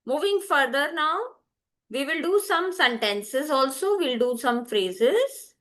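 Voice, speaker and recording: A woman teaching vocabulary, repeating each word slowly and clearly for learners. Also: sits high, lively intonation, a bit bright. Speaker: language teacher. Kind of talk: slow, deliberate vocabulary lesson.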